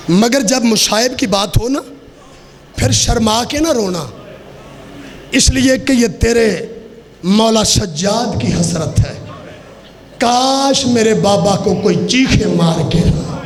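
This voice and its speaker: A man delivers an impassioned mourning sermon as a religious orator, his voice pitched very high with a gravelly, rough edge. He draws his words out slowly, shouting and chanting the lament. The sound rings with a long reverb from the gathering hall. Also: a little hiss or hum.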